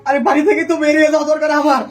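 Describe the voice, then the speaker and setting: A man's voice: very high voice, level tone, racing. An actor playing a young husband wrecked by drug addiction, who keeps pleading and sobbing and repeats his words over and over. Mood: remorseful. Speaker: addicted husband in a short film. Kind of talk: melodramatic short-film acting. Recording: echoey, mic far off, music underneath.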